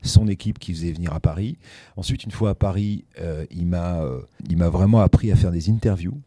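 A middle-aged man with a low voice tells career stories in relaxed interview chat. He keeps restarting his sentences. The recording is dry and close, with no room sound. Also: brisk, dry recording. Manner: anecdotal storytelling with many restarts. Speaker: radio host recalling his career.

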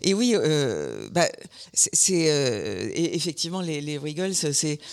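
A woman from Germany, an actress and dancer, chatting as a guest in a radio interview, lively and quick to laugh. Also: low voice, creaky. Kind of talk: casual radio interview chat.

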